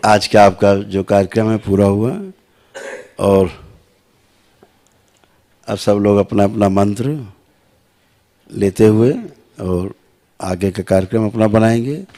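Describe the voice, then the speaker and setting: धीमी, गहरी आवाज़ वाला आध्यात्मिक गुरु, भक्तों को समझाते हुए. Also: male voice, fairly low pitch, steady tone, warm tone. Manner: deliberate, repeats sounds to demonstrate pronunciation; asks listeners "है ना" and "समझ रहे हैं आप". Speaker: spiritual teacher. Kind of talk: slow spiritual instruction to devotees.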